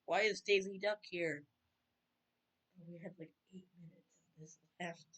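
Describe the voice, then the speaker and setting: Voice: mid-range voice, fairly even intonation, moderate pace, fairly bright tone, husky. A video commentator reacting to a clip with baffled, sarcastic remarks.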